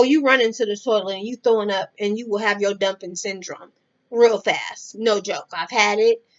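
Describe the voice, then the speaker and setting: A woman giving blunt, profane advice in a casual vlog, talking straight to the viewer. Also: fairly high pitch. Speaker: vlogger. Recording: dull lo-fi sound.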